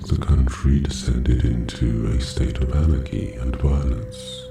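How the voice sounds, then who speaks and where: A man giving slow, measured scripted narration for a meditation, reading evenly with long pauses. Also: very deep voice, steady tone, gravelly. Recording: echoey, distant voice over music. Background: music, singing bowl.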